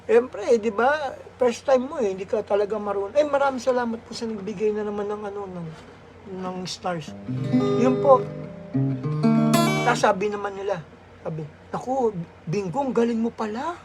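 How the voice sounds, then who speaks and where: A man's voice: high voice, normal speed, long pauses, over loud music. A man, a comedian, telling comic stories on a live stream in a rambling, giggly way, full of fillers and restarts. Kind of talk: comic storytelling.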